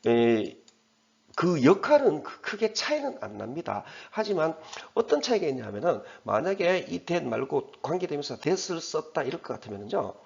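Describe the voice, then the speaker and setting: A middle-aged man teaching English, explaining slowly and patiently with many fillers and spelling words out letter by letter. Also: fairly high pitch, very animated, creaky. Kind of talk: lecture on English grammar and vocabulary. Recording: dull lo-fi recording.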